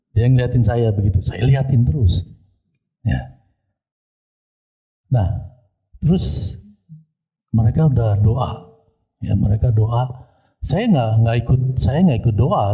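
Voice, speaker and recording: A man's voice: mid-range voice, dark tone, slightly rough, rough recording. A male pastor telling a story during a church service, often turning to address the congregation. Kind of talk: sermon testimony.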